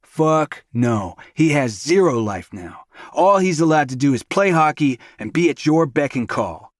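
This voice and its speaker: A man's voice: on the high side, animated, measured pace, no echo, studio quality, voice pushed up. A man voicing an angry, protective older brother in an audiobook, snapping and cursing. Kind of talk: audiobook character voice.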